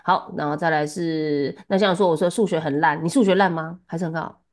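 A woman's voice: deep voice, steady tone, brisk. A woman giving a one-on-one Japanese lesson, chatty and laughing often as she coaches pronunciation. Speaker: Japanese tutor.

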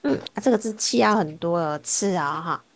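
A woman teaching a Korean class over a video call, patient and encouraging, sounding words out slowly and repeating them. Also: medium pitch, lively intonation, vocal fry, background noise. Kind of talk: online language lesson.

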